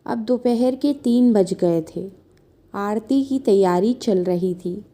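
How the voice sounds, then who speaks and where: Woman narrator for moral stories, unhurried, mellow. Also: medium pitch. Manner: slow, measured storytelling. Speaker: storyteller. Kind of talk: scripted moral story narration.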